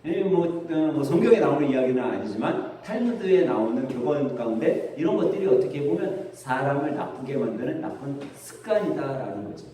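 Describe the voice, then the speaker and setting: A middle-aged man preaching a sermon as pastor, telling stories in a chatty, lively way. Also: mid-range voice, a little fast, few pauses, slight background noise. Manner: conversational storytelling, lively with laughs. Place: church sanctuary. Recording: very echoey church hall, distant mic.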